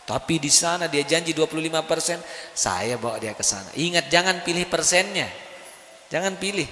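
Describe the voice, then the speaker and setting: A man preaching at a religious study gathering, animated and often asking the audience questions. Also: on the high side, normal speed. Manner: animated, asks the crowd questions. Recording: echoey hall with faint noise.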